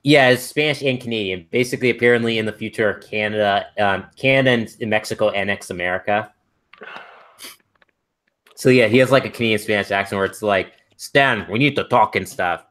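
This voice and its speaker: Young male stream host, low-pitched, rambling and filler-heavy. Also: fairly quick, fairly bright tone. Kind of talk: casual chat on a live stream.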